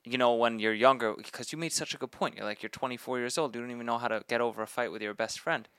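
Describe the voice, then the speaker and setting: A man in his twenties co-hosting a podcast, talking in a relaxed, reflective way in casual chat. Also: medium pitch, fast talker, smooth, dry recording, studio quality. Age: 20s. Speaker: podcast co-host.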